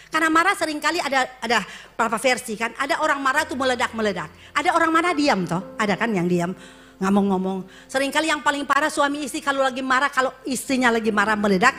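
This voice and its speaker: A woman's voice: sits high, pushed and bright. A woman pastor preaching a sermon, speaking animatedly and addressing her congregation directly.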